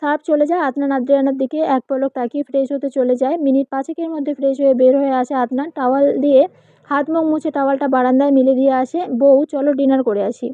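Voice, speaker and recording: A woman's voice: high-pitched, fairly even intonation, no echo. A woman reading a romantic audio story aloud, doing every part herself with small slips. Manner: reads all parts herself, quick with small slips. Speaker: narrator. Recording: tinny phone-like, dry.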